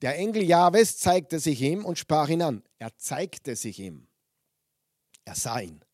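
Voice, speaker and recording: Lively German-speaking male preacher. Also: a little high, slow, no echo, studio quality. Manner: reads Bible passages aloud with lively emphasis, then breaks off to comment. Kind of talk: sermon reading and explaining scripture.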